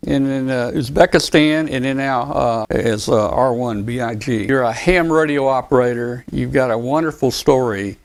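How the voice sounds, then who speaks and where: A man's voice: mid-range voice, moderate pace, gravelly, few pauses. A man hosting a live ham radio talk show, interviewing a guest in a friendly, chatty manner with frequent restarts. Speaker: show host.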